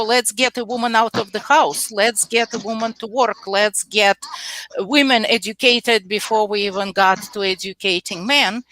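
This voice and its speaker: A woman from the Soviet Union speaking as a panelist, brisk and emphatic. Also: mid-range voice, sharp tone, dry recording. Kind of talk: panel discussion.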